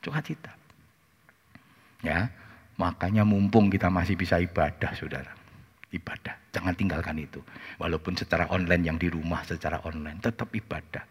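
A male pastor preaching, telling stories in an animated way and often turning to the congregation. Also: low-pitched, normal speed, slightly rough, in a large hall. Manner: animated, switches into Javanese phrases, often addresses listeners. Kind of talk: sermon with storytelling.

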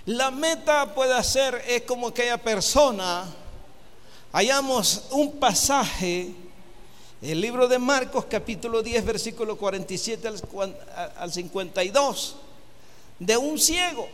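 A male preacher with a high-pitched voice delivers a fervent sermon. He swells to loud exhortations and leads the congregation in call and response. The sound rings with long reverb from a large hall. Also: animated, unhurried.

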